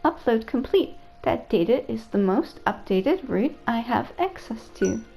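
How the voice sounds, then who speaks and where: A polite robot AI caretaker frets over a human's safety, as a woman reads his lines from a video game. The voice sits a touch high with a gravelly fry running through it. Soft game music plays faintly underneath. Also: lively intonation, measured pace, low-quality recording. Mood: earnest. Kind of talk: reading game dialogue aloud.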